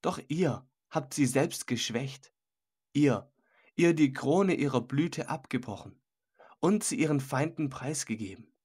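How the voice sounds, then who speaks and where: A man's voice: mid-range voice, lively intonation, unhurried, darkish tone, husky. Man reading as a stern old man. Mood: reproachful. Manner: solemn, reproachful. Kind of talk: audiobook character voice.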